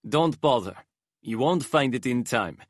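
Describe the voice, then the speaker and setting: A man voicing a cool, calculating young male leader who speaks in a calm, clipped, dry way. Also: medium pitch, a little slow, no echo.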